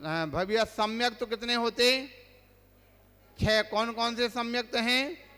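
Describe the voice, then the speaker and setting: A monk teaching a religious class speaks in a very high, bright and forceful voice, taking his time. He quizzes his listeners with questions and then recites the lists himself. The recording carries a long hall reverb.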